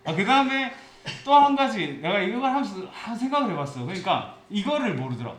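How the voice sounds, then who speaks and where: A man teaching an English class with a Gyeongsang accent, explaining passages and telling jokey anecdotes in a lively way. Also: sits high, brisk. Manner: lively, jokey storytelling, mixes English phrases into Korean. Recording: echoey classroom with faint hiss.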